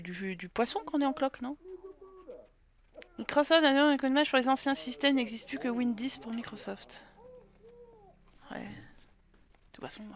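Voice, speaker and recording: Bright, chatty young French woman streamer. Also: fairly high pitch. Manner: chatty, teasing, talks to chat and game characters. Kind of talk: casual live-stream chat.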